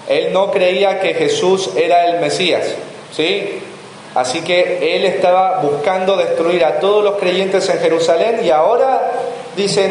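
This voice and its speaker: Man pastor, high voice, sermon, big echo, long reverb in a church hall. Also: a little mellow. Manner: preaching with rhetorical questions to the congregation. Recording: echoey church hall with faint room noise.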